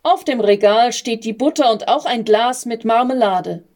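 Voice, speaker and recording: A woman's voice: fairly high pitch, moderate pace, darkish tone, natural voice. A woman voicing a kindly, bewildered prince who grumbles orders at children in a storybook. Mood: gruff.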